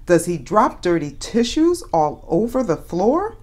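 Telling a picture-book story to young children, a woman with a mid-range voice reads unhurriedly while hosting a read-aloud. She brings it to life, acting out questions and exclamations with animation.

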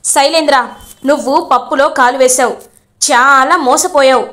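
A woman's voice: high voice, fairly even intonation, moderate pace, a bit bright. A woman voicing a defiant young woman who calls out a villain.

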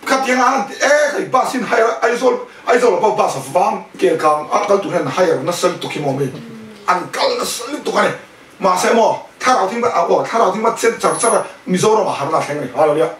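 一位在家庭团契上讲道的男人，不断向听众发问，并夹杂英语词汇。. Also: male voice, high voice, animated, fast, fairly bright tone, slight background noise. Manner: keeps questioning the listeners; mixes in English words. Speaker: preacher. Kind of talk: sermon at a house fellowship. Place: indoors at a home fellowship. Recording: echoey room, voice from a distance.

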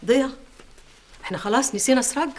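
A woman's voice: fast talker, slight background noise, natural voice. An actress playing a middle-aged Egyptian mother, frantic and tearful with fear for her missing son. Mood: worried. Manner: shrill, pleading, tearful outbursts. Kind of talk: TV drama acting.

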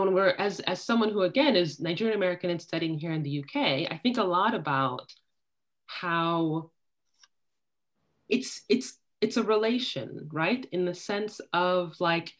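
Woman panelist who keeps asking "right?". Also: fairly low pitch. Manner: thoughtful, tags points with "right?". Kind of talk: academic panel discussion. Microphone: laptop video call.

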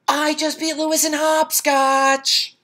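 A man voicing a loud, boastful schoolgirl in a storybook reading. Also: very high-pitched, flat delivery, takes it slowly, voice pushed up, full character voice. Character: bossy girl classmate.

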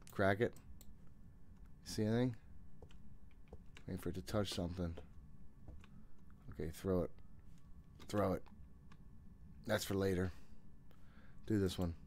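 With a low, darkish voice, a man in his thirties talks at a measured pace with long pauses, giving casual, jittery, exasperated commentary and swearing often. He's streaming a horror game from a small room in his home. A desk microphone and a worn headset capture him, with slight background noise.

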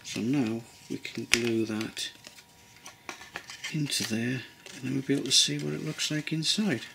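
Slow gravelly English man. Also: medium pitch, background noise. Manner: unhurried, thinking aloud with many ums. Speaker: model railway builder. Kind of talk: relaxed hands-on modelling tutorial. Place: workbench at home.

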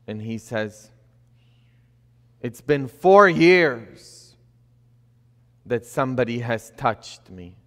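Drawing out his words and pausing often, this middle-aged priest delivers a sermon in a mid-range, slightly bright voice with lively intonation. He builds emphasis and throws in rhetorical questions; a distant fixed camera records the pulpit in an echoing church sanctuary.

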